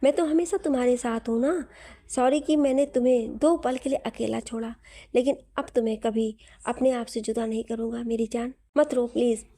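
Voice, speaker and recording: Brief: tender, protective young husband, read by a woman, soft coaxing voice, slightly high and mellow. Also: fairly even intonation, moderate pace. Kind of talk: audio story reading.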